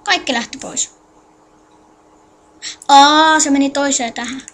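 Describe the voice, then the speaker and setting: A woman records a relaxed game tutorial on screen, addressing viewers while mumbling to herself as she clicks, her speech halting and distracted. Her voice is high and a bit bright, with fairly even intonation.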